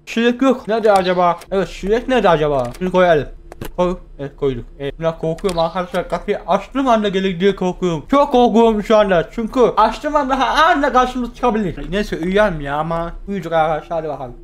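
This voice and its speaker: A man commentating a horror game for his viewers, chatting to them and yelping and shouting when frightened. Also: high-pitched, fast. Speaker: gaming YouTuber.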